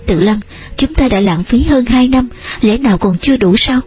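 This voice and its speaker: A woman's voice: a little high, normal speed, a little mellow, husky, soft background music. A woman voicing a passionate young man who pleads urgently with the woman he lost. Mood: pleading.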